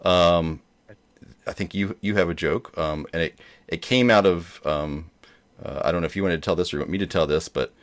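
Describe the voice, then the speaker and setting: A man's voice: low voice, normal speed. A man hosting a joke show in casual chat, rambling along with many hesitations. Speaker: host of a dad joke show.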